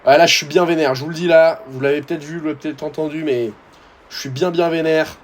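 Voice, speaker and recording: Young man, French accent, casual slangy commentary, animated, speaks directly to viewers. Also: a little high, quick pace, a little hiss or hum. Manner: lively, slangy, talks straight to viewers. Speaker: tennis vlogger commenting his match.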